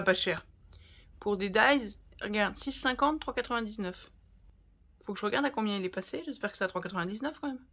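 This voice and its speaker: A French woman showing her craft haul, talking casually to her viewers and reacting to each item. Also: mid-range voice. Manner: chatty and expressive, talks to viewers while unpacking. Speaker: craft vlogger. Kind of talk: casual haul chat to camera.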